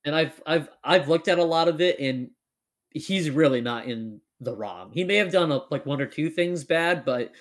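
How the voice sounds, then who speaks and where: Rambling young man, slightly high voice. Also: animated, moderate pace. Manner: rambling, many fillers. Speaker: podcast host. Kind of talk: casual chat.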